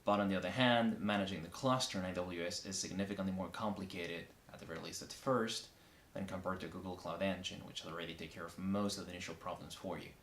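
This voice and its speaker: A man from Argentina explaining his engineering work in a measured, step-by-step way, with some restarts. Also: low voice, steady tone, a bit bright, a little hiss or hum. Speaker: backend engineer. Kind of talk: solo recorded interview. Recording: echoey room.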